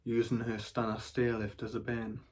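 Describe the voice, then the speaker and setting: A man's voice: medium pitch, completely flat delivery, normal speed, a little mellow. Wry man. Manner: wry, dry storytelling. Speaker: actor. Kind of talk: theatrical monologue.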